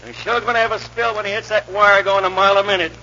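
An actor playing a ruthless, bossy outlaw who talks gruffly in rough western slang. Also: male voice, high voice, steady tone, brisk, pushed and bright, slight background noise. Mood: scheming. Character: ruthless male outlaw, bossy, cold-blooded. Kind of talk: 1940s radio acting. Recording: muffled old radio recording.

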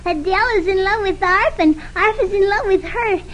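A man voicing an eager, excitable little girl in a breathy falsetto, like 1940s radio acting, on an old radio broadcast with music behind. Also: normal speed, a little hiss or hum. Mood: delighted.

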